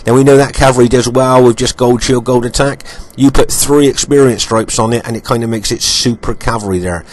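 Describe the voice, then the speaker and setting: Still croaky as he recovers from being sick, a man commentates a strategy game replay from home. His pitch is medium and his tone steady. He speaks unhurriedly, uses plenty of ums and uhs, and often goes back over a point before moving on.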